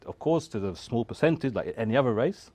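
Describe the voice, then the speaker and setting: With an expressive, darkish, medium-pitched voice, a man talks briskly as a guest in an informal studio discussion, with no room sound. He's emphatic, poses rhetorical questions, and jokes and laughs from time to time.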